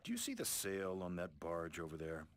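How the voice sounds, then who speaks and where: An actor playing a sardonic, exasperated merchant sailor in a video game, grumbling and mocking. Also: male voice, low voice, huge pitch swings, normal speed. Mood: sarcastic. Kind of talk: video game character acting.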